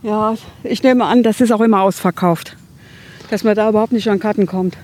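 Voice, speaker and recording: A woman's voice: medium pitch, a little fast, a little mellow. A woman chatting casually outdoors as a hiking companion, agreeing readily and adding her own remarks. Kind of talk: casual chat.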